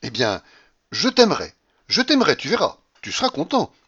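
A teasing, coaxing young coquette, as a male audiobook reader puts her on exclaims in a raised voice with lively swings of pitch. She wheedles and flatters, dropping low only for effect. The recording sounds dull and lo-fi. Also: normal speed, slightly rough, full character voice. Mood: delighted.

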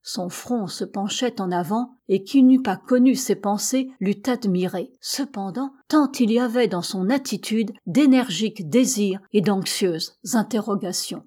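A woman narrating a classic adventure novel as an audiobook, measured and expressive, with dramatic rises in her voice. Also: mid-range voice. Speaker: audiobook reader.

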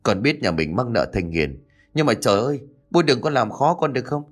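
A man's voice: medium pitch, big pitch swings, fairly quick. A man voicing an ambitious young official who coaxes and insists. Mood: pleading.

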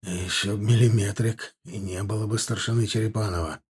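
A man voicing a gruff army warrant officer who barks orders and later mutters low. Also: steady tone, fairly quick. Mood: weary.

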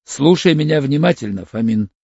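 A man's voice: medium pitch, lively intonation, normal speed, creaky, a little mellow, slightly rough, no room sound, dull audio. A man voicing Mishka, a hardened male ex-convict who talks bluntly and in clipped phrases, in an audiobook. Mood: hard, curt. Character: tough hardened male ex-convict, curt and cool.

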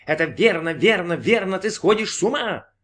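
Guy putting on a creepy mocking voice inside someone's head, pushy and shrill, pitched up high. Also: lively intonation, moderate pace, a bit bright. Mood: shrieking. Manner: taunting, shrill and urgent. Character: eerie mocking male inner voice, insistent.

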